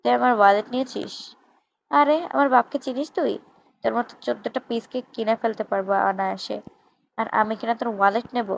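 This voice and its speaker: A woman reading the lines of a drunk, arrogant rich young man who loudly accuses another of stealing his wallet. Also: a little high, fairly even intonation, brisk, gravelly, poor audio. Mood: angry. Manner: loud, accusing, insulting.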